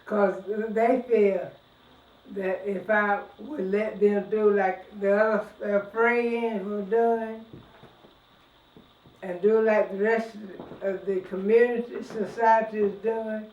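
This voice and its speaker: A woman of ninety, reminiscing in an interview in a halting way, repeating words as she goes. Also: medium pitch, fairly even intonation, darkish tone, slight background noise. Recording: echoey room, distant muffled mic.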